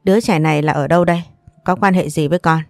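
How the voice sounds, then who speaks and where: A woman's voice: low-pitched, quick pace, gravelly, no room sound, studio quality, faint music behind. A woman voicing an angry older mother-in-law who scolds sharply. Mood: angry scolding.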